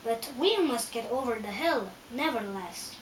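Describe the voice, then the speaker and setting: A woman's voice: fairly high pitch, expressive, moderate pace, natural voice. A woman reading aloud and voicing a brave, polite male scarecrow who speaks in a firm, earnest way. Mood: calm. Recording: roomy, distant, faint hiss.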